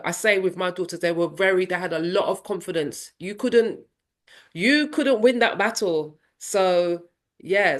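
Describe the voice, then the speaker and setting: A woman in her fifties, a parenting coach, telling her personal story in an interview in a candid, reflective way and acting out family voices. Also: lowish voice. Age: 50s. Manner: animated, acts out family dialogue in voices.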